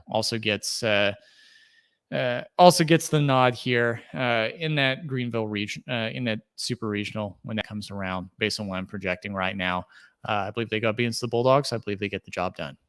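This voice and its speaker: A man's voice: lowish voice, fairly quick, a bit bright, clean tone. A young adult man hosting a solo sports podcast, talking casually and rambling through fillers and restarts as he thinks aloud. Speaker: podcast host.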